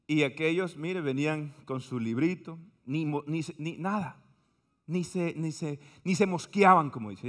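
A man preaching a humorous sermon, telling stories in an animated way and acting out voices. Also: a little high. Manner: animated storytelling, acts out voices.

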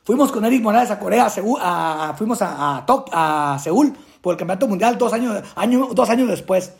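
Gravelly high-voiced Mexican man telling stories. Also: lively intonation. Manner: acts out dialogue with quick voice changes. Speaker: guest, retired boxer. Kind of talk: animated storytelling.

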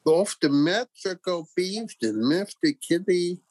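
Medium-pitched narrator, very lively intonation, deliberate scripted children's storytelling, theatrical host.

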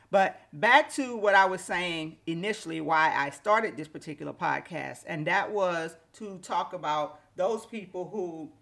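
A woman with a fairly low, slightly bright voice hosts a solo podcast, speaking to listeners directly in a casual, reflective way. She wears a retainer, which makes her ch and sh sounds a little slushy. She records on a microphone fitted with a pop filter and windscreen.

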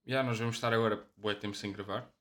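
A man's voice: fairly low pitch, fast talker. Laid-back young Portuguese man. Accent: European Portuguese. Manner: relaxed storytelling, peppered with English "yeah". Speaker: podcast co-host. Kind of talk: casual chat.

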